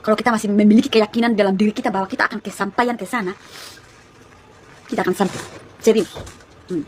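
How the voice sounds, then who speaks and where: A woman's voice: medium pitch, steady tone, racing, slight background noise. A young woman from East Nusa Tenggara with a Kupang Malay accent, chatting casually on a phone livestream, greeting viewers by name and laughing often. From East Nusa Tenggara, Indonesia. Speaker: livestream host.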